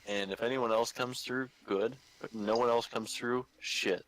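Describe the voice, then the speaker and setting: A man's voice: medium pitch, steady tone, a little slow, fairly bright tone, dry recording, poor audio. A man playing a tabletop game, speaking hesitantly with many ums. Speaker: player. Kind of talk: casual tabletop game chat.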